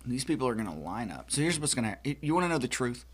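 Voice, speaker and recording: A man's voice: medium pitch, big pitch swings, racing, breathy edge. An American man holds forth in a casual group chat. He talks emphatically and often restarts his sentences as he makes his point. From United States. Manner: emphatic, lecturing, with many restarts. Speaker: podcast co-host.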